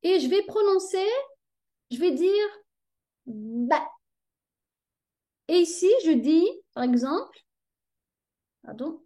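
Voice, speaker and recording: Patient woman teacher, warm high voice, unhurried tutorial delivery. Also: expressive. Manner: patient, checks understanding with frequent "ok?". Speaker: Arabic reading teacher. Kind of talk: step-by-step tutorial lesson.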